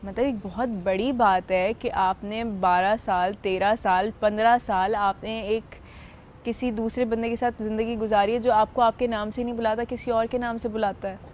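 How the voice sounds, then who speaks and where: Chatty higher-voiced woman telling stories. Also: steady tone, normal speed, darkish tone, slight background noise. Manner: chatty storytelling, mixes in English phrases. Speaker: actress being interviewed. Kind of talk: casual interview talk.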